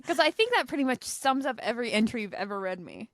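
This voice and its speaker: A woman's voice: on the high side, lively intonation, fast talker, fairly bright tone, no room sound. A woman hosting a podcast, chiming in with teasing, playful remarks. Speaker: podcast host. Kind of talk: casual chat.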